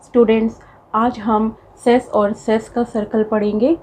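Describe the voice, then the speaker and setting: A woman with a slightly high, darkish voice and little pitch movement teaches a shorthand class. She patiently repeats each word slowly to drill it in a slow classroom explanation. The recording is low quality.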